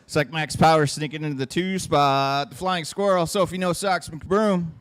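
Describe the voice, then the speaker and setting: A man's voice: a little high, fairly even intonation, moderate pace, a bit bright, clear, resonant tone, dry recording. A man announcing live races with folksy, joking play-by-play, his voice starting to crack. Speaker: track announcer. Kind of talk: live race commentary.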